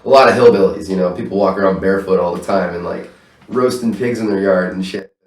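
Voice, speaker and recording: This stage manager, a fast talker with a low, somewhat mellow voice, chats freely as an interview guest from a room in his apartment. Profanity and frequent laughter run through his talk. The sound is distant and echoes around the room.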